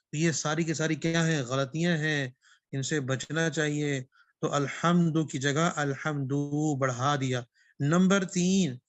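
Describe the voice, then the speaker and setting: A man teaching Quran recitation in a classroom lesson. He asks questions, answers them himself, repeats key phrases and slows down to recite verses. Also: fairly high pitch, dry recording.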